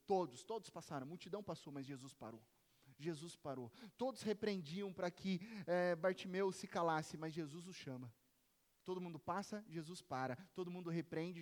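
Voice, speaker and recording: A man preaching a sermon as pastor, emphatic, his voice rising to shouts at the climaxes. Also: a little high. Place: church sanctuary. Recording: reverberant church hall.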